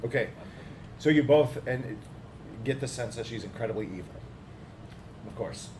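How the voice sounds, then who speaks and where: A man's voice: medium pitch, lively intonation, moderate pace. A man narrating as game master, describing scenes casually with fillers. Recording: echoey room with background noise.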